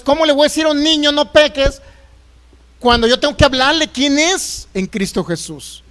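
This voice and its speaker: A man's voice: extremely high pitch, fairly bright tone. A man preaching a sermon as a pastor, emphatic and acting out the voices he quotes.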